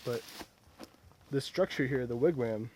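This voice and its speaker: A man of average pitch makes casual, observational remarks. He is recorded outdoors in woodland, with faint noise behind his voice. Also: unhurried, a little mellow, rough recording.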